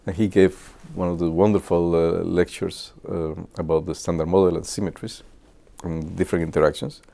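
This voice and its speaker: A very low, gravelly man reminisces to students. His voice is dark and mellow. He speaks in a halting way and pauses often on "uh". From Guatemala. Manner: halting, with many filler pauses. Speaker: physicist.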